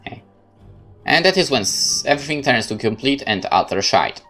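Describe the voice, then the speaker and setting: This let's-play narrator reads a horror visual novel in first person, measured and theatrical yet very animated. His voice is medium-pitched with a sharp tone, and faint music sits in the background.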